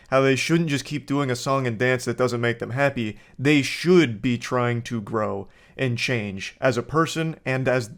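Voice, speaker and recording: A man's voice: mid-range voice, fairly bright tone. Man, late twenties, YouTuber, blunt and emphatic commentary with casual swearing. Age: 20s. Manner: candid, profane and emphatic.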